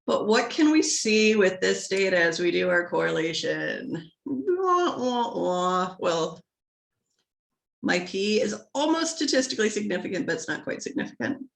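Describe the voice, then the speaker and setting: Woman stats teacher rambling thru a screen recording, gravelly voice, kinda echoey room. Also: fairly low pitch, expressive, moderate pace. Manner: chatty, self-interrupting, playful sound effects. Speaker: statistics instructor. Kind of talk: casual screen-recorded lecture.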